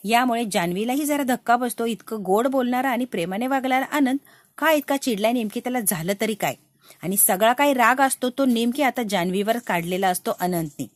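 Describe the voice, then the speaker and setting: A woman's voice: fairly high pitch, animated, brisk, dry recording. A woman narrating a TV serial episode recap in a dramatic storytelling way.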